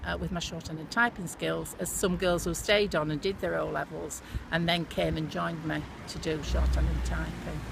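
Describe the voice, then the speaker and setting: Woman in her 60s, Bradford accent, creaky voice, hesitant unscripted reminiscing, noisy outdoor street recording. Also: fairly low pitch. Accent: Bradford, West Yorkshire. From Bradford, England.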